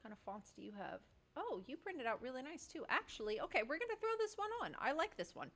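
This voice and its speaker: Excitable woman streamer, slangy and chatty, really animated bright voice. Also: high-pitched, quick pace. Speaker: livestreamer. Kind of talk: casual livestream chat.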